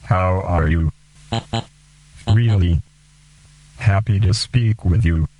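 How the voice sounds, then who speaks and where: Radio host, slow and deliberate, dark low voice. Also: male voice, poor audio. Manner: slow, deliberate, halting phrasing. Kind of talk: radio show with poetry reading.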